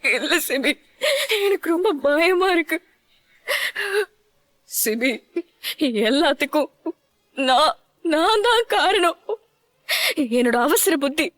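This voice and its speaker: Brief: actress playing a crying young woman in a dubbed serial, very high voice, dry and close sound, pleading and broken. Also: animated, moderate pace, fairly bright tone, no room sound. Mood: tearful. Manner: tearful, pleading, breaking off mid-phrase. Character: distraught young woman blaming herself for her sister.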